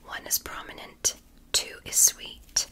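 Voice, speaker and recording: In this soothing whispered ASMR roleplay, a female performer takes the part of a composed, clinical alien physician. She talks gently and comfortingly, her directions careful and exact.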